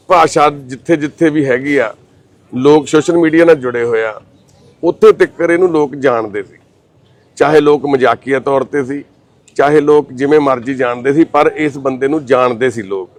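A man speaking in a gentle, reassuring, fatherly tone as a social service volunteer. He talks plainly and informally, moving between comforting words and a steady explanation to the camera. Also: a little high, no room sound. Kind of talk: consoling talk and on-camera explanation.

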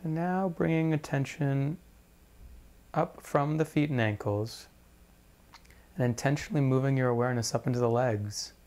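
Leading a guided meditation, a man speaks slowly and deliberately with gaps between his phrases. His voice sits in the mid range and is steady and fairly dark.

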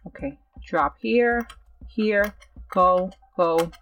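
A woman's voice: fairly low pitch, drawn-out words, recorded from a distance, dull audio, a little hiss or hum. A woman hosting her gaming channel, giving live gameplay commentary with nervous, self-coaching chatter.

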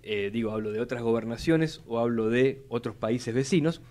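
A young man with a Buenos Aires Spanish accent, guesting as a city legislator, talks policy at a boom-arm studio mic in a radio studio on live radio. His medium-pitched, slightly mellow voice is formal and measured, with frequent restarts and repeated words as he builds long arguments.

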